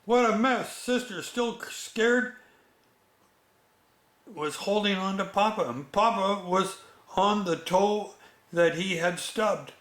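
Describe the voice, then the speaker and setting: A man with a slightly high-pitched voice reads a bedtime story aloud, speaking very slowly with expressive pauses. His manner is chatty and aimed at children, and the room has a noticeable echo.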